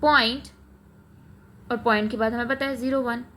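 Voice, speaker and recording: A woman's voice: a little high, fairly even intonation, normal speed, sharp tone, a little hiss or hum. A woman with a Pakistani accent teaching a math lesson, explaining patiently as she writes. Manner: mixes Urdu-Hindi with English terms, patient and repetitive. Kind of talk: explaining a math lesson while writing on a board.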